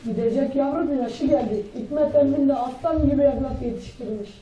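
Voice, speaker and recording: A woman's voice: high voice, fairly quick, warm tone, highs cut off, lightly acted. A woman playing a kindly old village father, head of the household, in a stage drama. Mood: fond. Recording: echoey, distant, faint background noise.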